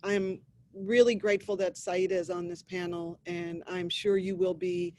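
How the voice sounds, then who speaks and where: A man with a high voice moderates a panel over a video call. He introduces speakers at length in a rambling way. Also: flat delivery, moderate pace, a little mellow.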